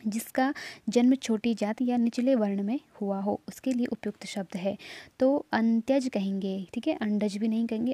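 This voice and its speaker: A woman's voice: mid-range voice, mellow, no room sound. A woman teaching an online exam-prep lesson, patiently explaining each answer step by step and checking in with tag questions.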